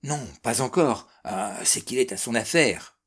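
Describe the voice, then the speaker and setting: A man's voice: medium pitch, animated, unhurried, fairly bright tone, husky. A man voicing a proud, hearty old father waiting for his son's ship in a read-aloud story, exclaiming with gusto. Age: older.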